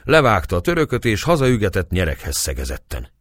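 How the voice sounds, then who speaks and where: A man reading aloud and voicing a gruff, hearty middle-aged castle lord who speaks in a raised, booming voice. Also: huge pitch swings, dry recording, clean studio sound. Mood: blustering.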